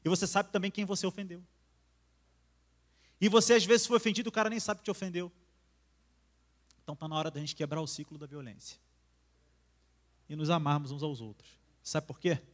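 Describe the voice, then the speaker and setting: A man's voice: a little high, steady tone, fairly quick, long pauses. Brazilian man preaching casually. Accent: Brazilian Portuguese. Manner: conversational, acts out quarrels, drops to soft intimate tone. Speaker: singer preaching at church. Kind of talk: casual sermon. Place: church.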